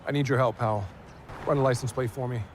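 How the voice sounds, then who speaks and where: An actor playing a terse, commanding ex-military investigator in a TV drama, pressing and urgent. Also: male voice, medium pitch, steady tone, fast, slight background noise, close to an everyday voice. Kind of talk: naturalistic TV drama acting.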